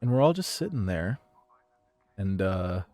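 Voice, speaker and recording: A man hosting a casual podcast stream, telling a rambling story with jokes and hushed asides. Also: low voice, very animated, unhurried. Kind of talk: casual chat with live chat.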